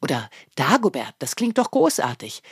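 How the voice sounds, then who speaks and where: A woman voicing a kindly father of a young boy, speaking calmly and reassuringly. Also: low-pitched, moderate pace, breathy edge, no room sound, clean studio sound, full character voice. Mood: gentle, soothing. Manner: calm, soothing, reassuring.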